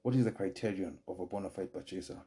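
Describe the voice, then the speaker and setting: Deep-voiced Kenyan man explaining law. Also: warm tone. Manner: measured, formal lecturing with careful restarts. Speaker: lawyer and podcast host. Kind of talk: solo legal explainer podcast.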